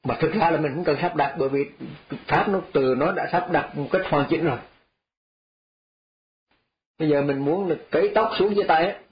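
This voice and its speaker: Monk, giving a dharma talk. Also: male voice, fairly high pitch, normal speed, pauses often. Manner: folksy, repetitive, chuckles while telling parables. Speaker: Buddhist monk teacher. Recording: slightly dull lo-fi audio.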